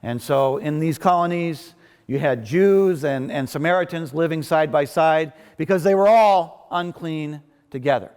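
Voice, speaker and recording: A man delivering a sermon as a preacher, in a measured, pausing manner with hesitant restarts. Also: fairly high pitch, darkish tone, smooth. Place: large reverberant worship space. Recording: long reverb of a large hall.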